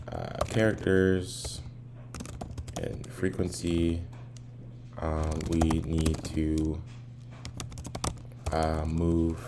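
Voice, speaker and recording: A man with a deep, gravelly voice talks to himself as he works on code. He sounds far from the mic in an echoey apartment room, with noise and typing around him. His delivery is casual and halting, often wandering into side remarks. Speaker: programmer recording himself working. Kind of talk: casual think-aloud coding vlog.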